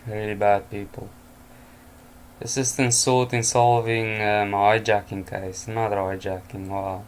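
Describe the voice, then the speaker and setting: A man's voice: on the low side, flat delivery, measured pace, a little hiss or hum. A tired, yawning man reading out headlines at night and adding offhand remarks and chuckles. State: exhausted, yawning. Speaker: news commentator. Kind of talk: casual news commentary from home.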